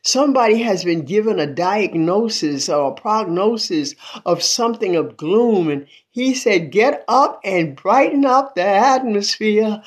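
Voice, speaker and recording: A woman's voice: medium pitch, expressive, unhurried, few pauses. An 82-year-old woman chatting on a phone livestream from a small room at home, calling out praise and thanks to God between greetings to viewers. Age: 80s. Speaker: livestream host. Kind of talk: casual livestream chat. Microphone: phone at arm's length.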